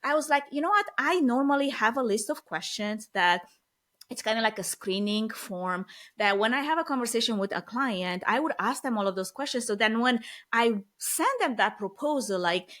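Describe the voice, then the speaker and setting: A Romanian-accented woman in her forties, a non-native English speaker who owns an AV production business, is an interview guest on a video call from a home office with lit bookshelves. Her voice is fairly high at normal speed, and she's animated, talking with her hands at an uneven tempo in a casual chat.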